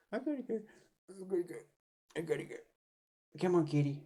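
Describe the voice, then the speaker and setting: A woman in her forties vlogs from home, sitting on a swivel chair by a sofa, her lowish, dark voice animated but unhurried. She rambles casually, meanders, talks to herself, and coos to her cat in sing-song baby talk.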